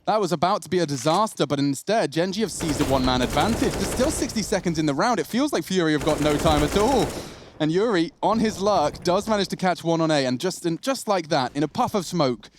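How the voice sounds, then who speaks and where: Guy calling the game play by play, slightly high voice, faint hiss. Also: animated, brisk. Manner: colourful idioms, calls the action. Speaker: play-by-play caster. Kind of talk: play-by-play commentary.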